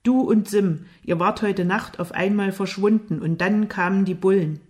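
A woman voicing an angry, jealous young man who speaks loudly and with hostile taunts, in an audiobook. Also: medium pitch, fairly even intonation, normal speed, natural voice. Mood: taunting.

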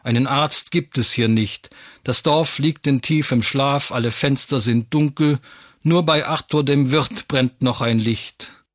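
A man narrating a written story in a wry, even storytelling manner, recorded close on a studio mic. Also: medium pitch, a little slow, no room sound.

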